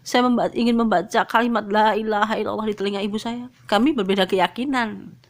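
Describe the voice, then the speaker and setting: A middle-aged woman telling a personal testimony, hesitant and full of fillers and restarts, growing high and strained with emotion. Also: steady tone, a little fast. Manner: pitch rises high and tense as she grows emotional. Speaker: convert telling her testimony.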